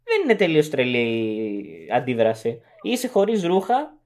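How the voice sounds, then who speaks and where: A man's voice: medium pitch, huge pitch swings, a little mellow. A young man co-hosting a podcast, casually talking through arguments point by point. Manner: analytical, lists arguments point by point. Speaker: podcast co-host.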